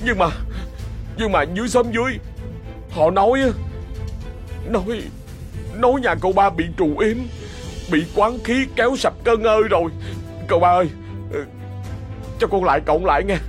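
A man's voice: high-pitched, expressive, moderate pace, a bit bright, soft background music, pitched above the performer's own voice. A man doing a terrified stammering young servant. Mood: pleading. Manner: whimpering, pleading, frantic.

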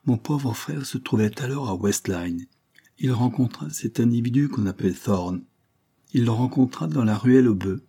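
A man's voice: medium pitch, lively intonation, moderate pace, mellow, slightly rough. A man reading an earnest, anxious young woman. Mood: fervent. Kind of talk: audiobook character reading.

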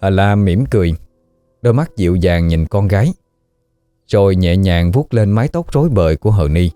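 A man narrating a ghost story audiobook in a slow, somber storytelling manner. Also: low voice, animated, dark tone, dry recording, soft background music.

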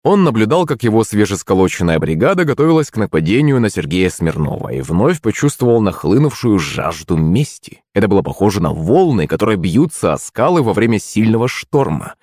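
A man reading a novel aloud as narrator with expressive storytelling. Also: fairly low pitch, a little fast, hardly any pauses, no room sound, clean studio sound. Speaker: audiobook narrator. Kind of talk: scripted narration.

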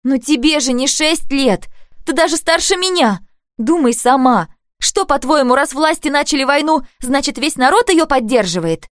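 A woman's voice: medium pitch, normal speed, a little mellow, no echo, clean studio sound, voice pushed up, lightly acted. A woman voicing a sensitive, earnest teenage girl who pleads and argues indignantly in an audiobook.

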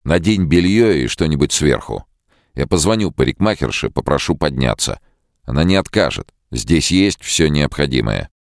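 A tense, controlling man who hides menace behind calm, clipped commands in an audiobook, read by a deep-voiced man slightly above his own pitch. The voice is gravelly and dry, recorded close. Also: normal speed, no echo, full character voice. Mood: soothing.

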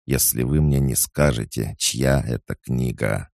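A man's voice: a bass voice, unhurried, creaky, darkish tone, no echo, studio quality, exaggerated voice. A man reading an audiobook, voicing a stern, ailing male king who gives threatening commands.

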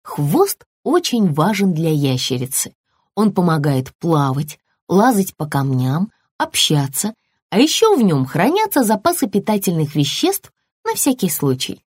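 Живая рассказчица сказок. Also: female voice, on the low side, measured pace, husky, no room sound, studio quality. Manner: expressive, lively. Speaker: storyteller. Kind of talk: scripted storybook narration.

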